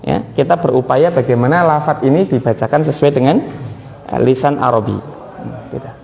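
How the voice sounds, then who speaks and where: A man from Indonesia teaching a Quran recitation lesson. He moves between slow, melodic recitation and brisk, corrective explanation. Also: mid-range voice, creaky, a little mellow. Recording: hall reverb, faint room noise.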